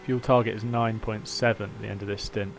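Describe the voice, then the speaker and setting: A man's voice: lowish voice, level tone, a little fast, creaky. British man, casual streamer and race engineer, matey delivery, faint hum and engine noise behind him. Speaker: livestream host and sim racing team engineer. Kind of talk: casual livestream chat mixed with race updates.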